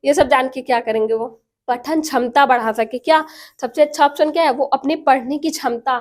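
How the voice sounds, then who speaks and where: A woman's voice: sits high, fairly even intonation, fairly quick. A woman teacher going through exam practice questions, asking the class questions and answering them herself. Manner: explains each option by asking and answering herself. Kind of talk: exam prep lesson.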